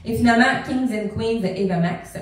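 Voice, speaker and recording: A woman, a singing teacher and vocal coach, explaining technique to the viewer in a lively, casual way and demonstrating the sounds herself. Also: a little high, moderate pace. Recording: very echoey room, mic at a distance.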